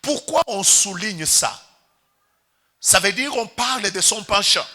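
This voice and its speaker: A man's voice: high-pitched, expressive, a little slow, bright, forceful tone. A Congolese pastor preaching a sermon in church, calling out to the congregation and stretching his key words for emphasis. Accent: Congolese French.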